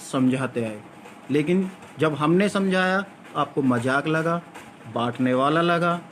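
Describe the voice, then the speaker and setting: A vlogger lectures his viewers in an argumentative monologue, firing off rhetorical questions and repeating points for emphasis. His voice is fairly high, with a little hiss or hum on the recording.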